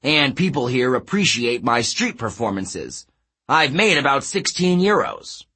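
A man voicing a gruff, boastful male satyr coach in an audiobook, with a husky, blustery delivery. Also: mid-range voice, sing-song, pushed and bright, exaggerated voice. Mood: brash. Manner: blustery, boastful, talks fast in bursts. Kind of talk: audiobook character voice.

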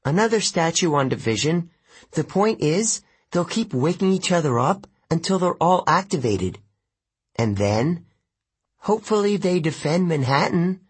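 A clever, fretting teenage girl who speaks earnestly, put on by a male audiobook reader. Her voice is raised high and sounds husky. She speaks slowly, and her pitch moves around a lot. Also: very animated, exaggerated voice.

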